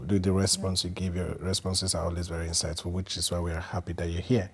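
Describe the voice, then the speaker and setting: A man's voice: sits low, completely flat delivery, fast, vocal fry, husky. A man hosting a podcast, upbeat and motivational as he thanks the guest and wraps up. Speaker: podcast host. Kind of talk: interview conversation.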